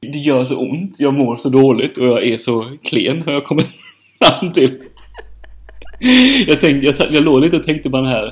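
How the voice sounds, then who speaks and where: A man's voice: medium pitch, fairly even intonation. Skrattande, självironisk man som pratar fritt. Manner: laughs often, self-mocking, rambling with restarts. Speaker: podcast co-host. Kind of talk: casual chat.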